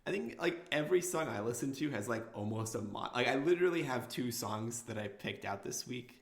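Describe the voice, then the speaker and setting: A man co-hosting a podcast, chatting casually in a hesitant, halting way with short answers. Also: mid-range voice, expressive, gravelly. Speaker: podcast co-host. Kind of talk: casual chat.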